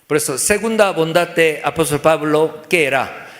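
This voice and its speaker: A man's voice: on the high side, normal speed, a bit bright, in a large hall. A man preaching a sermon in simple, broken phrases, asking rhetorical questions and acting out little dialogues. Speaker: pastor. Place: church.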